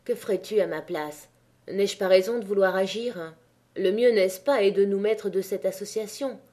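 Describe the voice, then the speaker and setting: A woman's voice: mid-range voice, moderate pace, dark tone, close to an everyday voice. A woman reading the part of an earnest, idealistic young male miner leader who speaks in a pleading way, in an audiobook. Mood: searching.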